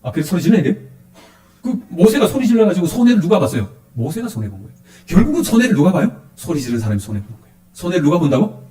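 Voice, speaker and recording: A male pastor preaching a sermon, questioning his congregation in a lively, animated way. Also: high-pitched, rapid-fire, reverberant.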